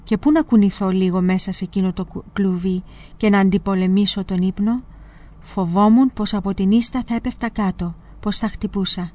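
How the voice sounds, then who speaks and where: A woman presenter reading a spiritual memoir aloud in a measured, expressive way. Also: mid-range voice.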